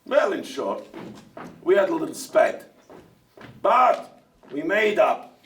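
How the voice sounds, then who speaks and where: A garrulous older dairyman, fresh off the boat from Russia,in a stage monologue. His fairly high voice leaps up and down as he jokes, stumbles over his words and fires questions back. It carries from a distance, as if heard across a theater stage. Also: big pitch swings, slow pace, vocal fry, slight background noise, full character voice. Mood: chatty. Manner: talkative, joking, stammers and asks back. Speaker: stage actor in a one-man show.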